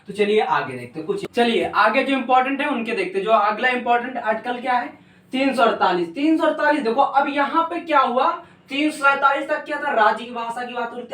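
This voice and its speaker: A man's voice: very high-pitched, fairly bright tone. Man, young, casual chatty teaching, distant mic, echoey room. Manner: casual, chatty, keeps asking "ठीक है", jokey examples. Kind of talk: explaining a civics lesson.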